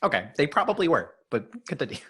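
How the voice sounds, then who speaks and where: A young man co-hosting a podcast, cutting in with quick questions and jokes in casual chat. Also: a little high, sing-song, a bit bright, breathy edge. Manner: wisecracking, quick interjections, laughs often. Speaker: podcast co-host.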